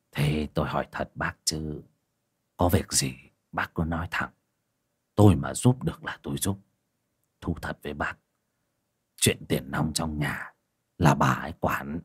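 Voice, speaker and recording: A man doing a soft, hesitant kindly old man. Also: rumbling low, husky, no room sound, studio quality, voice pushed down, exaggerated voice. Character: cautious, kindly older man. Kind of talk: audiobook character voice.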